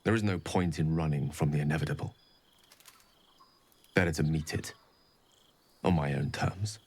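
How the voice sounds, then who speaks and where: For a video game, an actor with an extremely low, slightly rough voice puts on a full character voice at a moderate pace to play an eloquent, learned male wizard. His lines are articulate, formal and tender, with soft music in the background of the game audio.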